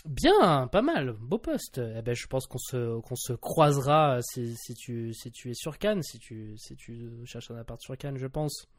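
A man's voice: mid-range voice, very animated, unhurried, hardly any pauses, no echo. A man hosting a music talk show, upbeat and jokey, with emphatic introductions. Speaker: podcast host.

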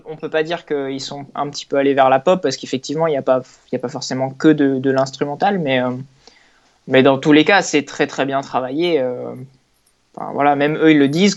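A man's voice: mid-range voice, dull audio. A man talking as a guest on a music chat show, joking and hesitant, full of fillers. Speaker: guest panelist. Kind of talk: casual chat.

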